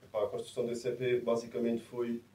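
A man in his twenties with a Lisbon accent and a deep timbre, chatting casually in laid-back street slang as an interviewed musician. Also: monotone, fast talker, warm tone. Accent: Lisbon Portuguese. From Massamá, greater Lisbon, Portugal. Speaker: musician and producer being interviewed. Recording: roomy echo, distant from the mic.

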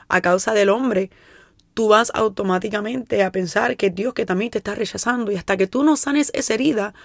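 A young woman speaks earnestly about her faith, acting out her prayers as she goes. Her voice sits a little high and has a gravelly fry. The recording is dry and close. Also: no echo. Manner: earnest, confessional; quotes prayers with feeling. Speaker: podcast host. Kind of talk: faith testimony talk.

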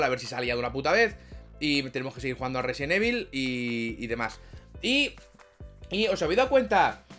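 A Spanish video creator and streamer with a Spain Spanish accent chats casually to camera, swearing often and laughing at his own jokes. His voice is slightly high and a bit bright.

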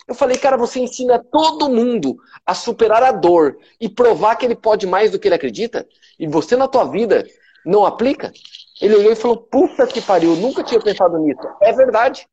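A man's voice: sits high, lively intonation, brisk, mellow, husky, highs cut off. A man with a Brazilian Portuguese accent hosting a motivational live stream, emphatic and repetitive, swearing freely. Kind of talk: motivational live talk to followers.

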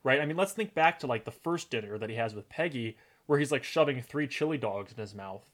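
Male podcast co-host, mid-pitched, animated recapper who laughs a lot. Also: brisk. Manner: animated, laughs often, quotes scenes in character. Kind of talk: casual chat about a TV episode.

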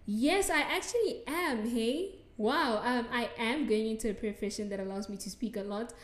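Speaking at a moderate pace in a slightly high voice, this young South African woman runs a solo podcast tackling what listeners assume about her. She's chatty and giggly, dropping plenty of likes and ums. The room echoes around her.

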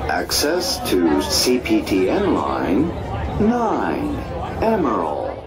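A man's recorded announcement comes over a train intercom, drawn out word by word. His voice swings widely in pitch and sounds far away. A loud crowd and music play behind it. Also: huge pitch swings, very slow. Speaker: station announcer.

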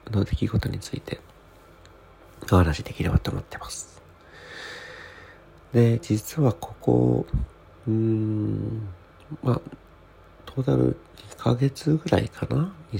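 A man keeping a spoken audio diary as a podcast host, talking in a hushed, whispery late-night voice so as not to wake anyone, in a humble and very polite way. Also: deep voice, creaky, a little hiss or hum. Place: small toilet room indoors.

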